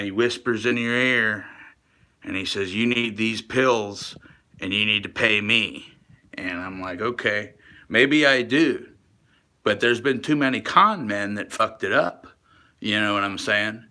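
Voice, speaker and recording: A man with a low, tense, forceful voice talks straight to camera in a long, rambling monologue. He is earnest and confessional, stumbling over words, restarting sentences and dropping casual swears.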